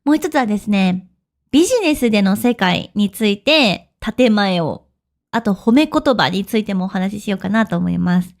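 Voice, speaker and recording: A woman's voice: medium pitch, lively intonation, moderate pace. Chatty woman teaching in a podcast. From Japan. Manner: chatty, friendly, laughs often, asks listeners questions. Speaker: online Japanese teacher. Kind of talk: casual podcast lesson.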